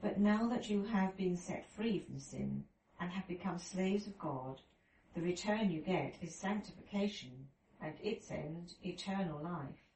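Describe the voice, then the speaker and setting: A woman in a study group reading a scripture passage aloud in a steady, careful way. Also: lowish voice, measured pace. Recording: roomy, distant from mic, faint room noise.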